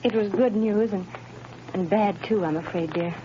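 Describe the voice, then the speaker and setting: An actress playing a gentle, worried young wife who speaks softly and hesitantly, in 1930s radio acting. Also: female voice, mid-range voice, moderate pace, close to an everyday voice. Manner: soft, hesitant. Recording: dull old radio broadcast with hiss.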